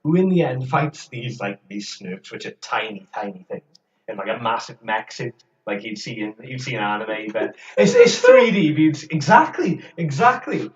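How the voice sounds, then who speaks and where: A podcast co-host chats casually, rambling with hesitant restarts and laughing often. His mid-range voice is sing-song, at normal speed with hardly any pauses. The recording is roomy and distant, with a dull lo-fi sound.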